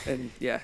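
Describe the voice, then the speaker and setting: Deadpan American podcast co-host, man. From United States. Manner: deadpan, mock-apologetic, playful. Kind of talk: casual podcast banter.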